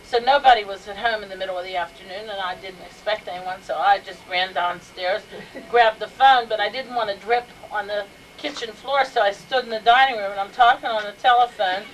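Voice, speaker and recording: A woman's voice: mid-range voice, brisk. An older woman telling funny stories at a family gathering and laughing as she goes. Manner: laughs through her stories. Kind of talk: casual anecdote telling. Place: house, indoors. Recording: home video, faint background noise, a little distant.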